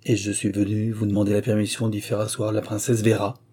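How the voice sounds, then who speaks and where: A man's voice: lowish voice, monotone, brisk, dark tone, natural voice. A man voicing an earnest, flustered young suitor in a storybook reading.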